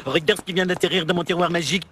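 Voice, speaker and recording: A man's voice: sits high, fairly even intonation, very fast, noisy background, natural voice. A man voicing a dopey, childish middle-aged dad with a goofy, throaty voice in a cartoon game dub. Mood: grumbling. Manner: dopey, blurting. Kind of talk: dubbed cartoon game dialogue.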